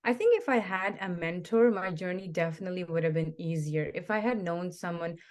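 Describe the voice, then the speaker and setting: A woman in her thirties from Pakistan, a criminal defence lawyer answering interview questions in an earnest, steady way. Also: fairly low pitch, a little fast. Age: 30s.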